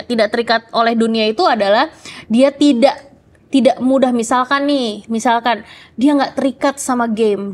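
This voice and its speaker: A high-voiced adult woman talks casually to children, answering their questions. She coaxes and checks in often, keeping it friendly and simple. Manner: lively, coaxing, keeps asking "oke?".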